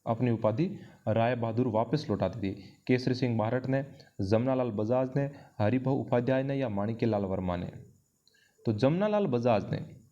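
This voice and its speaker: A man teaches an exam-prep history lesson, working through quiz questions and repeating key phrases for emphasis. His mid-range voice is warm and moderately paced, recorded on a dull lo-fi microphone.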